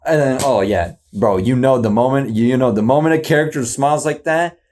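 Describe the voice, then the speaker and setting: A man in casual reaction commentary, rambling and slangy, excitable and poking fun at himself. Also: medium pitch, normal speed. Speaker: YouTube reactor.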